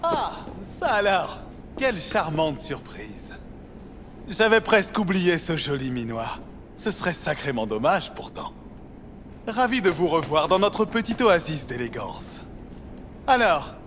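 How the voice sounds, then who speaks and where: A man's voice: sits high, big pitch swings, a little slow, fairly bright tone, in a large hall, slight background noise, exaggerated voice. A man playing an effete boutique salesman in a video game, gushing and genteel with affected grande dame airs.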